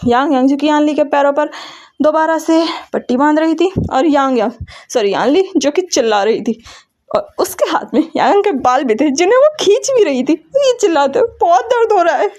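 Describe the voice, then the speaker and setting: A woman's voice: high-pitched, animated, a little fast, a little mellow. A woman retelling a fan fiction story, often correcting herself mid-sentence. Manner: narrating with frequent self-corrections.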